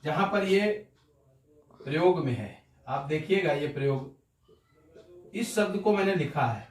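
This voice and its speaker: A male Hindi teacher giving a classroom-style pronunciation lesson, slowly drilling syllables one by one. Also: fairly high pitch, lively intonation. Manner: slow, deliberate syllable-by-syllable drilling. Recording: roomy, distant mic.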